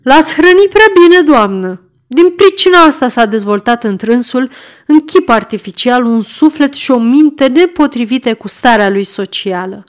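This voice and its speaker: A woman's voice: on the high side, expressive, natural voice. A woman voicing a pompous, self-important male parish beadle who lectures and blusters. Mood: lecturing.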